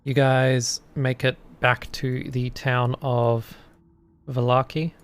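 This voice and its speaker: Male game master, unhurried pace, gravelly fry, casual narration, frequent thinking pauses. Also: medium pitch, level tone.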